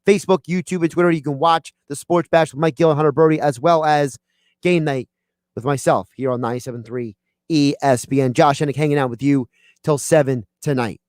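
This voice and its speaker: A man's voice: fairly high pitch, fairly even intonation, a little fast, a little mellow, dry recording, studio quality. A man hosting a sports talk radio show, thinking aloud in a conversational way. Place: radio studio.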